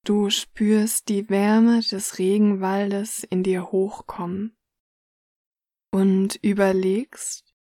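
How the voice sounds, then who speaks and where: A woman reading a guided relaxation story in the second person, soft and hushed. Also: medium pitch, little pitch movement, slow pace, no echo, studio quality.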